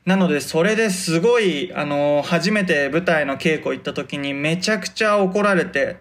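A soft-spoken man hosting a casual solo podcast, consciously projecting his voice and articulating each word with care. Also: fairly high pitch, normal speed. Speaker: podcast host.

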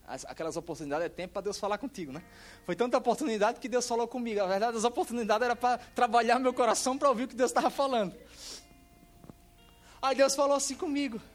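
A man preaching a sermon as pastor, swinging from quiet storytelling to shouted preaching. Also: high-pitched. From Brazil.

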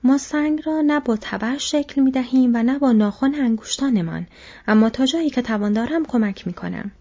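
A woman voicing a fierce, boastful male dwarf warrior who shouts battle cries, in a dull lo-fi recording. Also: high voice, slightly rough, pitched above the performer's own voice. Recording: dull lo-fi audio.

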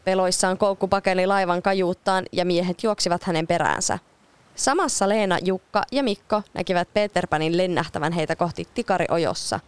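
A woman narrating a children's storybook in a gentle, steady, expressive way. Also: on the low side, smooth, no room sound.

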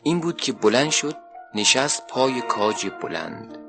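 A man narrating a 1970s children's radio story, lively and expressive. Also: mid-range voice, creaky, over music.

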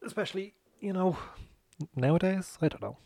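A man's voice: high-pitched, animated, moderate pace, gravelly, mellow, dry recording. A man in his thirties reviewing cereal in a casual, rambling chat, swearing now and then and talking while he eats. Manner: chatty, swears, talks while eating.

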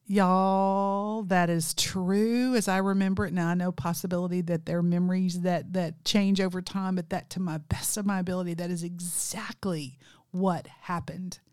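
A woman's voice: on the low side, level tone, moderate pace, a little mellow, smooth, dry recording, clean studio sound. A middle-aged woman hosting a podcast, telling a story in a casual, unscripted way. She laughs often and talks straight to her listeners. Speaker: podcast host.

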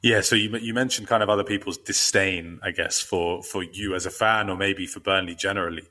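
A man hosts a podcast, his voice on the low side but bright and forceful. He sounds upbeat and welcoming and moves into easy conversation with his guest. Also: fairly even intonation, fairly quick. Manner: upbeat, scripted intro then conversational. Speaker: podcast host. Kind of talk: podcast hosting and interviewing.

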